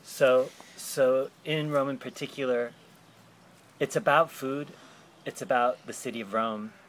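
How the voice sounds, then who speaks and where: A man's voice: mid-range voice, steady tone, measured pace, fairly bright tone, a little hiss or hum. A man interviewing someone and explaining a book project at length, thoughtful and a little rambling.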